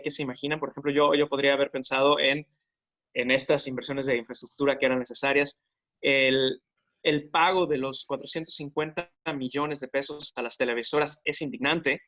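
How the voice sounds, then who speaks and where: A man's voice: mid-range voice, fairly bright tone. A man with a Mexican accent co-hosting a casual discussion podcast, reflective and critical as he thinks aloud. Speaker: podcast co-host.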